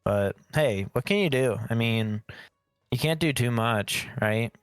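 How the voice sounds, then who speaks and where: A man's voice: medium pitch, measured pace, clean tone, dry recording, studio quality. A man with a Northeastern US accent, co-hosting a casual gaming podcast with laid-back, joking banter. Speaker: podcast co-host. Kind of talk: casual chat.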